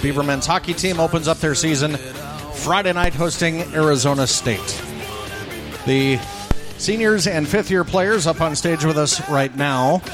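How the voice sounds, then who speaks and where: Over music, a man with a voice on the high side hosts a live radio broadcast from a banquet. A play-by-play host by trade, he emcees and questions players in a brisk, chatty, joking manner.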